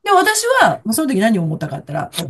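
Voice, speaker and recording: A woman, a guest in a casual chat, telling stories in an animated way and laughing often. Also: mid-range voice, rapid-fire, breathy edge.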